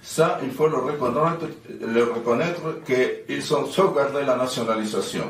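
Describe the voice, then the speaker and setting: A man in his seventies from Chile, a native Spanish speaker, gives a political speech in French with a Chilean Spanish foreign accent, halting and searching for words. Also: a little high. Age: 70s. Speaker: speaker, NGO president. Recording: distant mic, roomy echo, faint noise.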